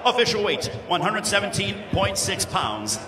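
A man making formal boxing ring announcements, projecting in a deliberate, emphatic way. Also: high-pitched, sing-song, music in the background. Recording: echoing arena PA, crowd noise.

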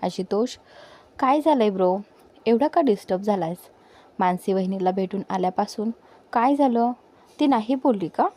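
A friendly young man gently pressing his friend to open up, as a woman reads him. He speaks casually and coaxingly, in a mellow, warm tone. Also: mid-range voice, animated, normal speed, long pauses, lightly acted.

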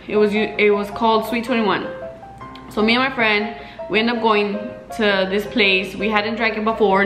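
A woman's voice: mid-range voice, echoey room, poor audio. A young adult woman telling casual stories to camera in a chatty way, acting out the quotes with lots of fillers. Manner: chatty, animated quoting with frequent fillers. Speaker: vlogger. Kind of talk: casual storytelling.

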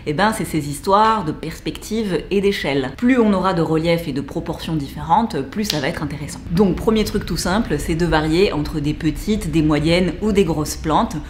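A young woman with a French accent talks close to the camera from a living room packed with plants. Her delivery is cheeky and full of slang. Her voice sits low, with faint background hiss. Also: moderate pace, hardly any pauses. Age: young adult. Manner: playful, slangy and jokey. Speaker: plant vlogger. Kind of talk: casual scripted vlog. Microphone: camera at close range.

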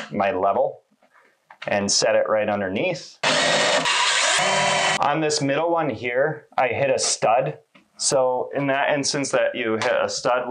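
Man, 30s, lower voice, easygoing how-to demo in a small laundry room. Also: very noisy. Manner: relaxed, conversational, with fillers. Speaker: installation demonstrator. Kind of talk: casual how-to walkthrough.

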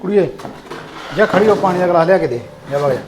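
A man's voice: high voice, lively intonation, quick pace, over music. A young man with a Punjabi accent acting a farmer son in a village drama, scolding and complaining.

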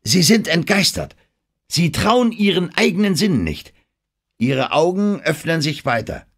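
A man's voice: fairly high pitch, very animated, unhurried, voice pushed up, heavily acted. A man voicing a driven male film director who urgently coaches an actress through a scene in an audiobook. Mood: insistent. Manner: commanding, urgent, rising to shouts.

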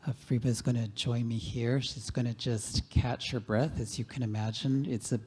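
A middle-aged man moderating a question session in a casual, halting way, speaking into a handheld mic in a large lecture hall. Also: medium pitch, noisy background. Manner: relaxed and halting, with restarts. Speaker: event moderator. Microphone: handheld microphone.

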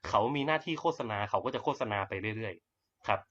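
A young man giving a blunt, brash network-marketing pitch on a livestream, swearing casually as he talks. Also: expressive, fairly quick, fairly bright tone. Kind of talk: live-streamed sales pitch. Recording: dull lo-fi livestream audio.

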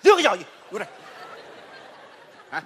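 An actor playing a hot-tempered middle-aged husband who yells short accusations at his wife in a stage comedy sketch. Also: normal speed, a little hiss or hum, close to an everyday voice. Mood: shouting accusations. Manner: yelling, accusing in short bursts.

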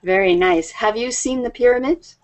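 Teaching English online from home over a webcam video call, a woman in her fifties keeps the class slow and friendly, patient with her students and frequently laughing. She speaks at a moderate pace in a fairly high voice, captured in a low-quality recording.

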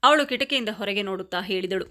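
A woman reading a family story aloud as scripted narration, in a steady, even voice. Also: medium pitch, fast talker.

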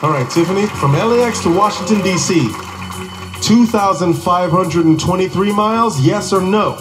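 In a big TV studio, a male game show host explains the game to a contestant. His voice is high and his speed normal, with music and a studio audience audible in the background.

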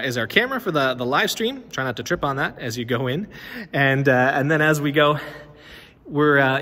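Walking through an empty church with his phone at arm's length, a thirty-something pastor chats loosely, full of fillers and restarts. He has a mid-range, slightly bright voice, and the recording carries the reverberant hall and faint ambience.

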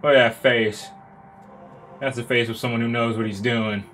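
Young male gamer, average pitch, loose and joking, music bed under him. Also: steady tone, moderate pace, fairly bright tone. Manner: casual, crude, joking, puts on voices for characters. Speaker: let's play gamer. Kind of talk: reading game dialogue aloud with commentary. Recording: game music playing behind.

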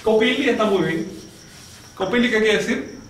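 A man teaches a language lesson at normal speed, his high voice fairly bright, explaining each step and quizzing the class. The audio is distant, echoey and lightly noisy.

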